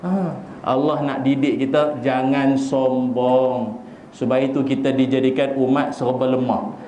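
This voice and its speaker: A man's voice: medium pitch, a little slow, slight background noise. Joking Malaysian man preaching, echoey hall. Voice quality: animated, joking, acts out little scenes. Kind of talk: humorous sermon. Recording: echoey hall with faint ambience.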